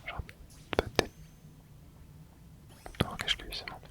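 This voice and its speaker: In a steady, hushed whisper, like someone awake late at night, a video creator offers casual, rambling ASMR game commentary. Speaking close to the mic, they think aloud and take their time.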